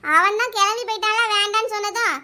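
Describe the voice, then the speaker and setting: A very high, piercing cartoon voice of a bossy village girl, played by a woman, with a Kanyakumari Tamil accent. The tone is bright and sharp, and she scolds and teases in quick bursts. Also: full character voice. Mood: scolding teasing. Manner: scolding, teasing, brisk. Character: shrill, bossy, teasing female village friend. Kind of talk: cartoon voice acting.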